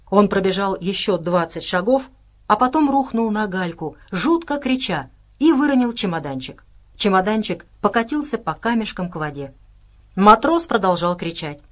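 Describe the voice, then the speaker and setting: A woman narrating an audiobook in a steady, even reading voice. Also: mid-range voice. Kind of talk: scripted narration.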